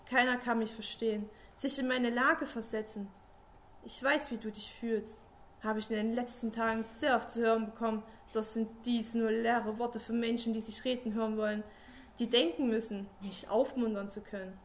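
A woman reading a dark first-person story, slow and solemn, with long pauses. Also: a little high, steady tone, slight background noise. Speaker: narrator.

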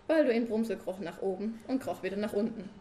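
A woman reading a humorous story aloud as narrator, calm and even. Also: mid-range voice, brisk, a little hiss or hum.

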